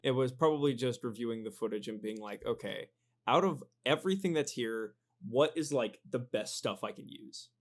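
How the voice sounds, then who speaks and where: A young man talking as a guest editor on a casual podcast, hesitant and stumbling over his words, quick to poke fun at himself. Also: medium pitch. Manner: hesitant, stumbling restarts, self-deprecating.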